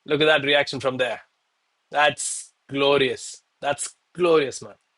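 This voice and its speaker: A man's voice: mid-range voice, fairly even intonation, slow pace, a bit bright. A man livestreaming casual commentary to his chat as a trading streamer, with an informal, bro-heavy gym-bro way of talking. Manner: bro-heavy, hyped gym-bro style talk; informal, addresses viewers as bro, man, guys.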